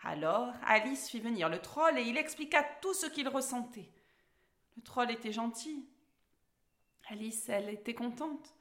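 Bright, lively woman reading a story. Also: on the high side, a little slow. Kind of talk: storybook read-aloud.

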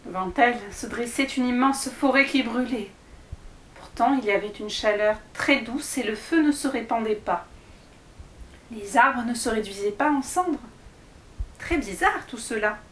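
A woman slowly reading a children's fairy tale aloud as storyteller, in an echoey room. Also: fairly high pitch, a bit bright, slight background noise. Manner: slow, deliberate storytelling.

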